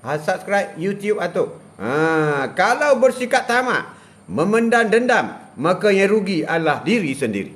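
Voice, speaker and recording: An older man from Malaysia hosting a casual live stream, giving religious advice in an animated way, laughing and reading viewer comments aloud outdoors. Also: sits high, unhurried. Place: outdoors beside a plantation.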